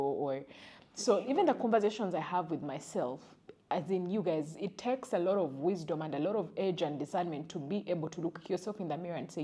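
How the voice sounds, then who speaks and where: A woman's voice: lowish voice, mellow. Earnest Ugandan woman in her thirties. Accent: Ugandan English. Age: 30s. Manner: earnest, grateful, slow and deliberate at times. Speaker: podcast co-host. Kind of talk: casual chat.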